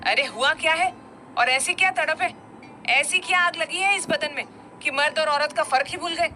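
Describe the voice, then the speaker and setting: A woman's voice: moderate pace, sharp tone, slight background noise. A woman voicing a stern, hot-tempered young man with a heavy voice who scolds his younger brother. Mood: angry. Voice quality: heavy deep-toned voice.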